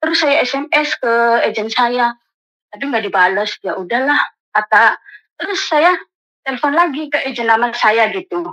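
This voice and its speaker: An Indonesian woman calling in to tell her story as a domestic worker, animated and acting out the people she quotes. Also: on the high side, moderate pace, pauses often, poor audio. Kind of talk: phone-in story told to an advice host.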